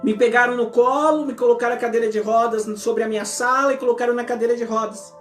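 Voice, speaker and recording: A man preaching an emotional testimony as an apostle, his voice often sinking to a hush. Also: very high-pitched, steady tone, fast. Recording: echoey church hall with music.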